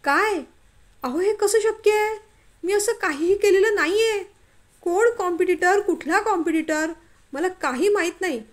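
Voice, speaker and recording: A woman's voice: sits high, normal speed, close to an everyday voice. Woman doing a timid, pleading young clerk. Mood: panicked pleading. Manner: pleading, anxious. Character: timid honest young male clerk, frightened.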